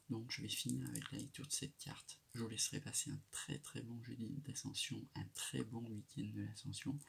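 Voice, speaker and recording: A man giving a quiet, whispered late-night tarot reading in a hushed, gravelly voice. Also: mid-range voice. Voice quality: gravelly, creaky. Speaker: tarot card reader. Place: indoors at night. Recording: noisy amateur live recording with clicks.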